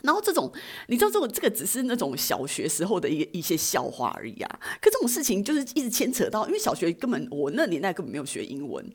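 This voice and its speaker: Woman, Taiwanese Mandarin accent, low-pitched, lively swooping intonation, casual storytelling. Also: fast, husky. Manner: animated, giggly anecdotes with acted-out quotes. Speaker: podcast host.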